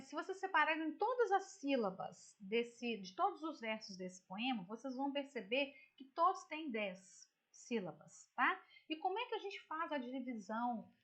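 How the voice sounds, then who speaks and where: A woman's voice: fairly high pitch, fairly bright tone. A woman teacher with a Brazilian Portuguese accent explains a poem in an online lesson, chatty and explanatory, often checking in with "tá?" and "né?". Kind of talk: online literature lesson, screen-share explanation.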